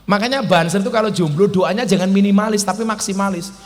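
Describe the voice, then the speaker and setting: A man preaching a humorous sermon to a crowd at an outdoor mosque event, teasing his listeners and jumping between loud exclamations and low asides. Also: quick pace, long reverb tail.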